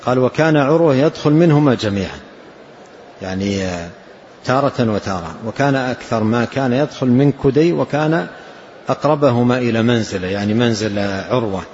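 Man slowly explaining religious texts. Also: mid-range voice, lively intonation, darkish tone, highs cut off, slight background noise. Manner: measured, repeats key phrases. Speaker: religious teacher. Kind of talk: explaining hadith in a lesson.

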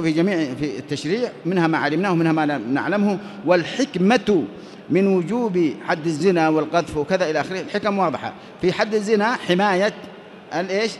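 High-voiced man teaching a lecture. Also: a little hiss or hum. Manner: explanatory, asks and answers his own questions. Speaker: teacher of Islamic jurisprudence. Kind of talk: classroom lecture.

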